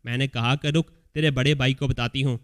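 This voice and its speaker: A man reading a scripted story aloud as a voice-over, telling it in the first person as an elderly mother in a steady storytelling manner. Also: mid-range voice. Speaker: story narrator. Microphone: voice-over recording.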